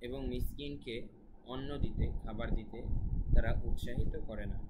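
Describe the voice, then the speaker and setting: A male recitation teacher who chants verses high and slow, then explains pronunciation and repeats words to correct them. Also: steady tone, heavy background noise. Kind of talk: recitation lesson.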